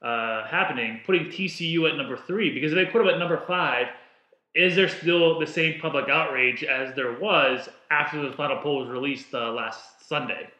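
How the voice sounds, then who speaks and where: A man's voice: a little high, moderate pace, sharp tone, lo-fi sound. A man co-hosting a casual sports podcast, talking loosely and asking questions, recorded in an echoey studio office. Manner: loose, conversational, asks questions. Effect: echoey room sound. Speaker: podcast co-host. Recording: echoey room.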